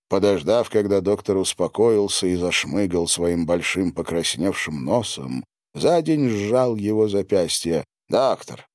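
A man narrating an audiobook with an expressive reading. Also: deep voice, no echo, clean studio sound.

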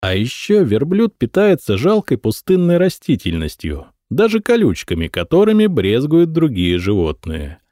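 A man narrating a historical audiobook in a measured, expressive reading. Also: mid-range voice, dry recording, clean studio sound. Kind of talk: scripted narration.

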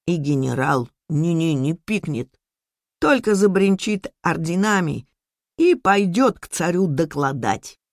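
A woman reading a story, voicing a dying old male soldier who boasts and barks commands in a lowered, gravelly voice. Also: lively intonation, measured pace, dry recording, studio quality. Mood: boastful. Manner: loud barked commands.

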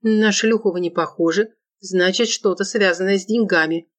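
A harsh middle-aged widow who snaps every line with open contempt, as a woman reader puts her on. Curt and cutting, in an audiobook reading with a middle-pitched voice. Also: steady tone, moderate pace, lightly acted. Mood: suspicious. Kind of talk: audiobook narration.

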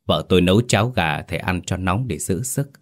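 Man reading a humble middle-aged father, choked and pleading, low voice, storybook. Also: lively intonation, brisk.

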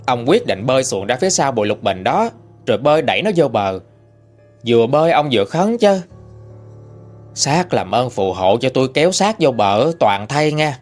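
A man's voice: medium pitch, darkish tone. A man with a Southern Vietnamese accent telling a ghost story in a chatty, folksy way. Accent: Southern Vietnamese (Mekong Delta). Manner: chatty, conversational. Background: faint background music.

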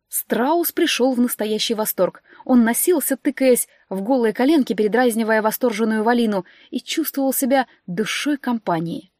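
A woman reading a story aloud as narrator, animated and shifting her voice for dialogue. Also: dry recording, clean studio sound. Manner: animated, raises pitch and volume for dialogue. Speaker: audiobook narrator.

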